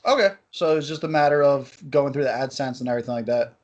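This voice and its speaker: A man's voice: mid-range voice, fast talker, a little mellow. A man interviewing a guest in a loose, casual chat, swearing freely, heard remotely over an online voice-chat call. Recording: dull lo-fi voice-chat audio.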